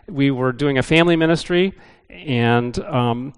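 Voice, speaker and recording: A man's voice: mid-range voice, measured pace, clean tone. A middle-aged man, a visiting missionary, giving a casual, self-deprecating church talk with frequent "uh" fillers. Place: church building.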